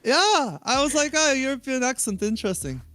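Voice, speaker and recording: A man's voice: extremely high pitch, big pitch swings, fairly quick, pushed and bright. A man who streams game coaching, chatting on a livestream as a guest in a joking, self-deprecating way. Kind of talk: casual chat on a livestream.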